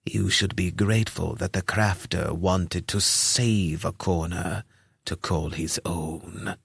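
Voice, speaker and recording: A man voicing a short, robed, fanatical priest who speaks with a lisp in a hushed, whispery way. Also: low-pitched, takes it slowly, husky, no room sound, full character voice. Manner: hushed, whispery, distant delivery.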